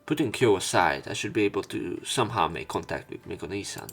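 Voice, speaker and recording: With game music running underneath, this let's player reads visual novel narration and occasionally trips over or repeats words. He sounds low, animated, creaky and husky, talking a little fast.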